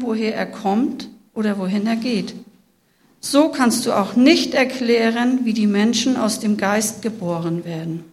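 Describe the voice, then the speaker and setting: A woman giving a sermon, telling a story expressively and reading Bible passages aloud to her listeners. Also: a little high. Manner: slow, expressive, speaks to listeners directly. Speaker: preacher.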